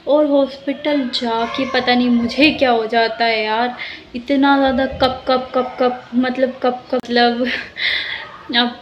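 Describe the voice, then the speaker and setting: A woman's voice: fairly high pitch, lo-fi sound, a little hiss or hum. Chatty young woman, tired, lying down. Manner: rambling, chatty, many fillers and restarts. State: pregnant, tired, talking lying down. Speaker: vlogger. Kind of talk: casual vlog chat. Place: at home, lying down.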